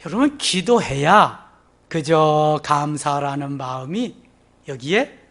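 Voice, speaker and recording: High-voiced man preaching a sermon. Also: expressive, slow. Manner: swings from loud exclamations to hushed asides; calls out to the congregation for responses. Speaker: pastor.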